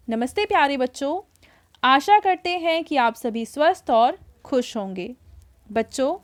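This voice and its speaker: A high-pitched woman teacher patiently goes over a worksheet with children, repeating words slowly and making sure they keep up.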